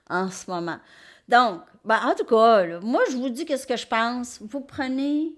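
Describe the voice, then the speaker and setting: A woman's voice: on the high side, expressive, measured pace. A woman with a Québécois accent giving a casual, rambling spiritual talk to her viewers as a tarot reader, often checking in with "ok?" and restarting her sentences. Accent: Québécois French. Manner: rambling, repeats "ok?" and "hein", many restarts.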